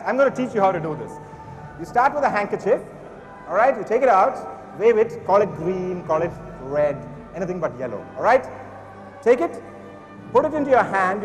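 High-pitched playful man, party magician patter. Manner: playful, showy, instructing the audience. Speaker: stage magician. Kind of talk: kids party magician style stage patter with magic words. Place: large auditorium stage before an audience. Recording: echoey hall, long reverb, faint music.

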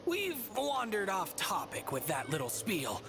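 Mischievous, animated rabbit creature. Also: female voice, mid-range voice, a little slow, music in the background. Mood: sly, composed. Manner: theatrical, teasing, riddling rhymes. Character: mischievous floating stuffed rabbit creature, smug and theatrical. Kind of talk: anime video game voice acting.

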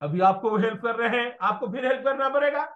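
A man teaching maths in an animated, storytelling way, at times raising his voice. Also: very high voice, fast talker, dull audio. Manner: animated, storytelling, bursts of shouting. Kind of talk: animated classroom lesson with anecdotes.

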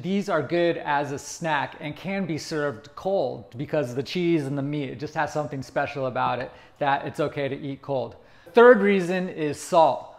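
A man in his thirties hosting a home cooking demonstration, explaining each step to the camera in an upbeat way, recorded in a kitchen. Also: a little high. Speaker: cooking video host.

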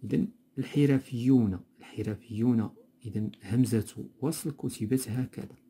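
A man with a Moroccan accent teaching a grammar lesson from a textbook, explaining slowly and repeating words. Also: mid-range voice, creaky, mellow, slightly rough. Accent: Moroccan Arabic. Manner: explanatory, repeats words slowly, mixes dialect with standard Arabic.

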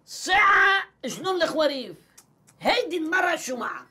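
A performer with a Lebanese accent in a comedy sketch, reacting with loud, quick exclamations. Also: female voice, very high voice, sing-song, full character voice. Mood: excited. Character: excitable person bringing the wife to the doctor. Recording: music playing under the dialogue.

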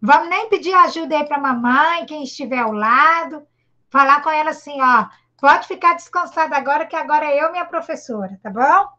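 Brazilian female teacher, high-pitched, patient and encouraging, syllable-by-syllable reading lesson, muffled video-call sound. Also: pushed and bright. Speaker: primary school teacher. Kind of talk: online literacy lesson for a child. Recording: dull lo-fi video call audio.

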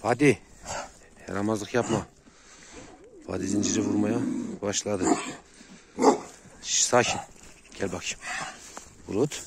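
Low gravelly man coaxing his dogs. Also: measured pace, long pauses. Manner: coaxing, calm commands to dogs. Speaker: dog owner vlogger. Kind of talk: casual outdoor vlog. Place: outdoors near a valley. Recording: noisy outdoor recording. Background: dogs barking.

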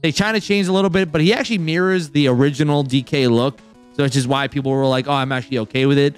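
A man hosting a casual roundtable chat, rambling and excitable, full of filler words. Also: a little high, fast, smooth, soft background music. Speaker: podcast host.

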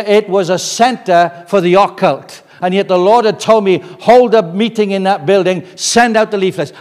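A man in his sixties preaching a sermon, swinging between loud urgent emphasis and hushed intimate tones. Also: high voice. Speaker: guest preacher. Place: church. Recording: reverberant church hall.

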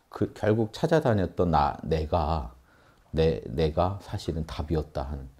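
A man's voice: a bass voice, warm tone, husky. A man giving an earnest spiritual lecture on meditation, explaining and addressing his audience directly. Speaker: meditation teacher.

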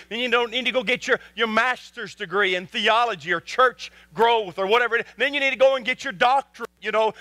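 A male pastor preaching a sermon with emphasis, repeating rhetorical questions and swinging from soft asides to loud peaks. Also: high-pitched, no echo.

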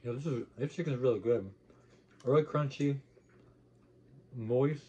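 A man's voice: medium pitch, a little slow, slightly rough, lo-fi sound. A man doing a casual eating vlog, chatting to viewers while chewing his food. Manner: relaxed, chatty, addresses viewers as y'all. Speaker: mukbang vlogger.

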